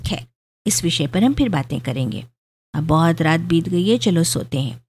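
A woman voicing a gentle, affectionate young husband who speaks in a calm, reasoning, gently lecturing way in a storybook reading. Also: lowish voice, a little slow, a little hiss or hum, lightly acted. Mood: fond.

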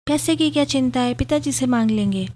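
A woman's voice: mid-range voice, lively intonation, measured pace, darkish tone. A woman voicing a playful, pampered young bride, with a pouting, teasing sing-song delivery in a storybook reading. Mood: girlish.

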